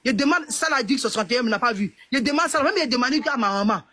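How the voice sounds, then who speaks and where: A woman's voice: a little high, expressive, rapid-fire, a bit bright, husky. A middle-aged woman with an Ivorian French accent, giving emotional testimony in an emphatic, repetitive way. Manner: emphatic, repetitive, proverb-laden. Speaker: interviewee, family member of a deceased man.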